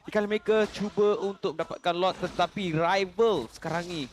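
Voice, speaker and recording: A high-voiced man with a Malaysian accent commentates an esports match live. He talks quickly, explaining the play in wordy analytical sentences, with faint noise behind him. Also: steady tone.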